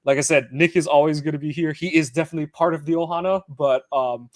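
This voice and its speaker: A man's voice: on the high side, quick pace, no echo, clean studio sound. A man from Hawaii co-hosting a football podcast, chatting casually with frequent fillers and laughs. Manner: relaxed, laughs often, many fillers. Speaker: podcast co-host. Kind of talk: casual sports podcast chat.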